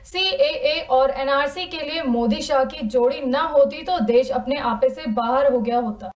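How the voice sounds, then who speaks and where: A high-pitched woman reads a news bulletin in a brisk, steady scripted delivery. She sounds set back from the microphone, and the room gives her voice a clear echo. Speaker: news anchor. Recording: echoey room, distant mic.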